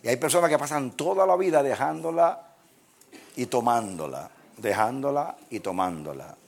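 A pastor preaching a sermon, swinging from loud, emphatic lines to hushed ones and laughing at his own jokes. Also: medium pitch, lively intonation, moderate pace, creaky.

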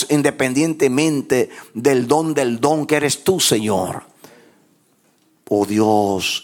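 A pastor leading a fervent prayer in church, moving between hushed low pleas and raised impassioned cries. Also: male voice.

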